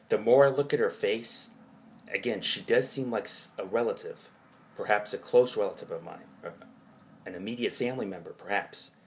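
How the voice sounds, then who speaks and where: A man recounting his own dream in a rambling, halting way, hazy and puzzled as he gropes for details and rephrases himself. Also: on the low side. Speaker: narrator of own dream journal.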